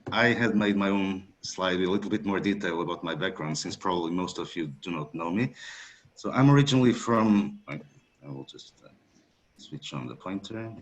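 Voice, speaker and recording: A man from Portugal giving an academic webinar talk over a video call, measured and hesitant with frequent fillers. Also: deep voice. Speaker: guest speaker.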